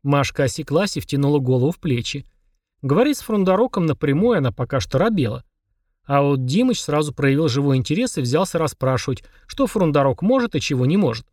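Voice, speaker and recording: A man narrating an audiobook in an even storytelling manner. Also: on the high side, a little fast, no room sound, studio quality.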